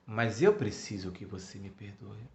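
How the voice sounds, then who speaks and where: A man voicing a casual, warm-hearted older brother with a Bahian accent and relaxed, slangy speech. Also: on the low side, moderate pace, vocal fry. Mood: moved. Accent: Bahian Portuguese. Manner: relaxed and colloquial, local slang. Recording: echoey room, muffled sound.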